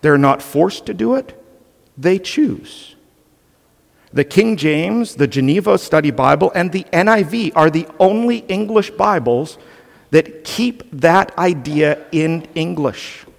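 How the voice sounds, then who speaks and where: A man's voice: a little high, expressive, measured pace, gravelly, in a large hall. A male pastor delivering an earnest, emphatic sermon, often restarting his phrases.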